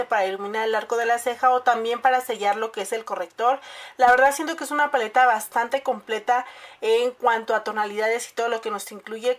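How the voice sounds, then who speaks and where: A woman, chatting casually through a makeup review and addressing viewers as "chicas". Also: on the high side. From Mexico. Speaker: beauty vlogger.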